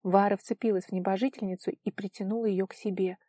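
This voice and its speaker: A woman narrating a fantasy audiobook in an expressive storytelling manner. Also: mid-range voice, fast, no echo, studio quality.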